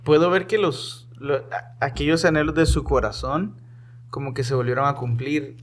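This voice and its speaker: A man hosting a podcast interview, gently prompting his guest with questions. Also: medium pitch, steady tone, normal speed. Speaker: podcast host. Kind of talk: conversational interview.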